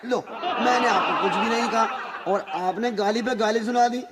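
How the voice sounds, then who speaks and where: A man's voice: high-pitched, normal speed, very noisy. A man in a comic sketch, teasing and laughing. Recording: hall reverb over music.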